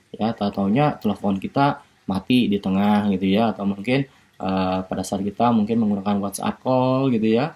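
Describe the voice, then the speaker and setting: A male university lecturer giving a recorded online lecture, explaining slowly with many fillers and tag questions. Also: on the low side, warm tone, husky.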